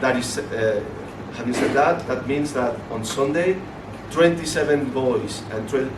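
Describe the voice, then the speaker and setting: In a hotel function room that echoes, a football league representative delivers a halting event speech riddled with fillers and restarts. His pitch is medium. The sound is picked up from far away, noisy and echoey.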